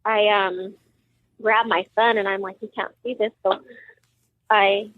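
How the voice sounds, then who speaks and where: A middle-aged woman, a grieving mother, recounting a painful memory in an interview, halting and emotional with many pauses and fillers. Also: mid-range voice, level tone, no echo. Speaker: mother of a murder victim. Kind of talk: personal account in an interview. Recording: tinny phone-like sound.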